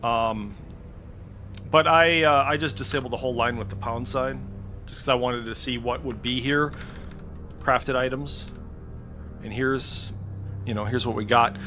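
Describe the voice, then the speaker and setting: With soft background music behind him, a tech video creator speaks at medium pitch with a sharp tone and measured pace, pausing often. He's indoors at a computer on a casual, unscripted screen-share walkthrough, hesitant and thinking aloud, with the odd mild swear.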